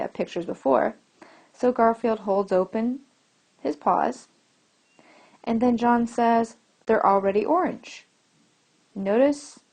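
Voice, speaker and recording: Slow, patient woman teacher. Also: medium pitch, gravelly, dark tone, breathy edge. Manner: slow, patient explaining with questions to the class. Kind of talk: recorded classroom lesson for children.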